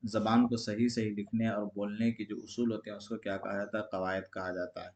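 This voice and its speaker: A man's voice: on the low side, little pitch movement, fairly quick, a little mellow. A man teaching an exam-prep grammar lesson, asking each question aloud and answering it himself in a repetitive call-and-response way.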